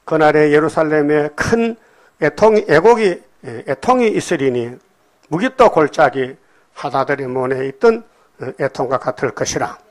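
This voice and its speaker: A man's voice: expressive, moderate pace. Emphatic Korean preacher prodding his flock. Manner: swings between loud emphatic outbursts and low murmured remarks. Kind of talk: sermon. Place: church hall with congregation.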